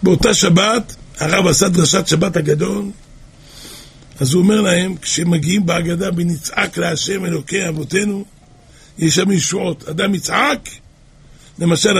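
A man giving a religious sermon, telling a tale with dramatic swings between shouting and hushed speech. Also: sits high, vocal fry, slightly rough. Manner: dramatic storyteller, shouts and drops to near whisper.

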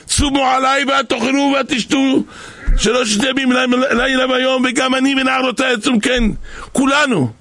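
A man voicing an anguished old sage who urgently calls his people to fast, with a husky, gravelly voice. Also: extremely high pitch, fairly even intonation, no room sound, pitched above the performer's own voice, exaggerated voice. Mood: urgent pleading. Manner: urgent, pleading, shouted.

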